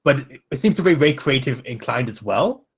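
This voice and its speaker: A man's voice: mid-range voice, very animated, a little fast, husky. Giggly man joking through a game. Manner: giggly, teasing, laughs often. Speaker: gamer co-playing. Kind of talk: casual let's-play commentary.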